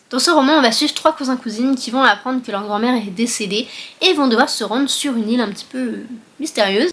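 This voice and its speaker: A young woman with a fairly high voice talks straight to the camera in a casual book chat. She rambles, corrects herself and fills pauses with little hesitations. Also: a bit bright. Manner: chatty, rambling with many fillers and self-corrections. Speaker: book vlogger.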